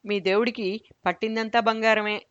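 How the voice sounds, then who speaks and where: A woman reading as a sharp-tongued old grandmother. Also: fairly low pitch, moderate pace, no echo, lightly acted. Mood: mocking. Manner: teasing, scornful. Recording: dull lo-fi recording.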